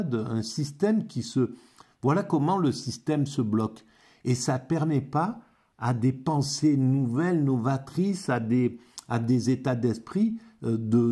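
A man rambling through a philosophy monologue, halting often and repeating words as he searches for them. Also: mid-range voice, dark tone, breathy edge. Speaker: amateur philosophy vlogger.

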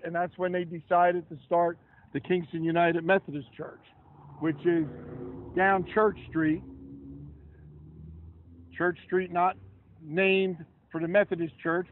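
An older man leading an outdoor history walking tour, chatty and given to asides, reading from his notes by a roadside. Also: high-pitched. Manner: chatty, asides and restarts while reading from papers. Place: roadside sidewalk outdoors beside traffic. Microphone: camera held close in the crowd. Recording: tinny phone-like outdoor audio.

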